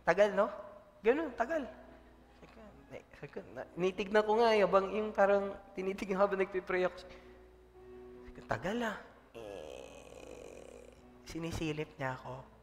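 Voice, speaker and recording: A man's voice: high-pitched, measured pace, creaky, pauses often, in a large hall. A man preaching a sermon as a pastor. He preaches with energy, mixes in English, and keeps asking the congregation "Amen?". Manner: lively preaching, mixing in English, often asking the room "Amen?".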